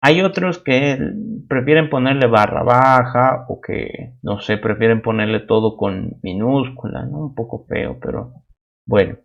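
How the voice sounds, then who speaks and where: A man's voice: mid-range voice, unhurried, creaky, dull audio. A man teaching a programming class, explaining step by step as he types code, often checking in with a questioning "no?". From Bolivia. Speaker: teaching assistant. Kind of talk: live-coding programming lesson.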